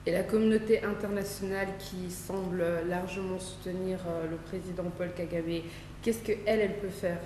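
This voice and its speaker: Mellow woman interviewer, echoey room. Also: lowish voice, steady tone, a little hiss or hum. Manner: measured questioning with hesitations. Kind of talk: interview questions.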